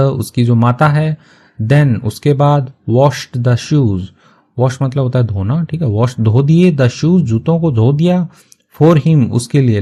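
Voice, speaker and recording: A man teaching English through a story, reading each English phrase slowly and then explaining it quickly in Hindi. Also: mid-range voice, mellow, breathy edge. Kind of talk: line-by-line story translation lesson.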